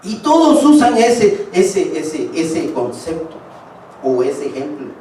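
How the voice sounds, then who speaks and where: A man's voice: a little high, very animated, slow pace, warm tone. A man preaching a sermon, speaking emphatically and addressing his congregation directly. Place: church hall. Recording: echoey hall, distant mic.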